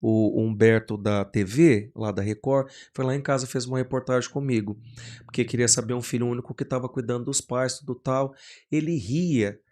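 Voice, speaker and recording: A pastor appearing as a podcast guest talks casually at normal speed, his voice mid-range for a man. He's an animated storyteller who tells lively anecdotes and acts out the voices of people he quotes, recorded on a close studio mic.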